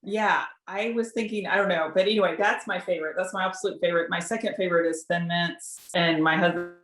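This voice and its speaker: A woman's voice: fairly low pitch, steady tone, fast, a bit bright. A middle-aged woman giving informal interview answers in a conversational, emphatic way, often checking in with "right?". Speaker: corporate community partner being interviewed. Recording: roomy, echoing sound.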